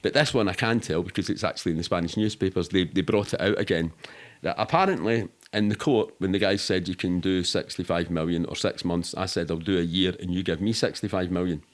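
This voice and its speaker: A middle-aged man with a Glasgow-area Scottish accent guests on a podcast, casually and animatedly telling stories. He's sweary and full of slang and acts out quoted speech. His voice sits low and he talks fairly quickly.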